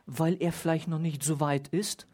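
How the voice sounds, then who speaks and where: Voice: mid-range voice, steady tone, moderate pace, darkish tone. A Bible teacher giving a study talk, reading scripture aloud, explaining it and stressing single words, and putting questions to the listeners.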